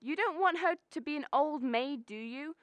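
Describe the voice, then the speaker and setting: A young woman playing a brisk, matchmaking middle-aged mother in a radio drama, coaxing and gently scolding. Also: high voice, animated, no echo. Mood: insistent, teasing. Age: young adult.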